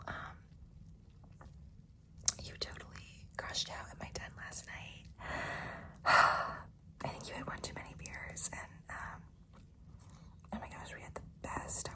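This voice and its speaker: A woman's voice: distant mic, low-quality recording. A woman whispering confidingly in a whispered role-play as a flirty, doting teacher, repeating herself in hesitant phrases. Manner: whispering confidingly, as if sharing a secret. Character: flirty, doting female teacher with an overnight guest. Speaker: ASMR role-play performer.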